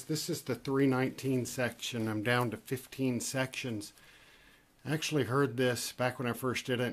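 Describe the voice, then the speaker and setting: A man earnestly explaining sounds he found in recordings, reading scripture aloud along the way, sounding awed and dropping low when he talks through what he heard. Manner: awed, earnest, quotes heard voices softly. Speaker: paranormal recording investigator.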